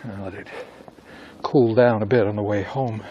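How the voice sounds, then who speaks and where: A middle-aged man talking casually to himself in an unhurried, musing monologue, pausing as he walks outdoors. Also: lowish voice, fairly even intonation, muffled recording. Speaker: writer recording an audio journal. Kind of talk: casual solo monologue while walking outdoors. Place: outdoors in falling snow, on a walk. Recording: outdoor ambient noise while walking.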